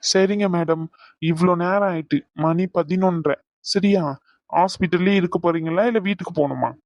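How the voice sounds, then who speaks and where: A woman's voice: lowish voice, moderate pace, a little mellow, no echo, lightly acted. A woman voicing a young man in an audio drama romance, teasing and coaxing his girlfriend. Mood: affectionate teasing.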